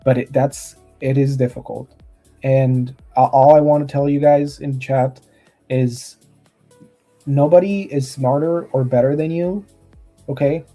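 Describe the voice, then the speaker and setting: A man's voice: medium pitch, fairly even intonation, a little slow, dark tone, soft background music. A man from Romania, a guest trader, gives earnest motivational advice in casual chat over a video call, often restarting his sentences.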